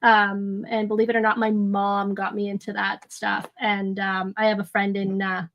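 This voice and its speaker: A woman hosts an art livestream from a home room, chatting casually with viewers in the live chat as soft music plays in the background. Her mid-range voice has little pitch movement and a normal speed, and she rambles with lots of ums, restarts, and easy laughs. The sound is lo-fi.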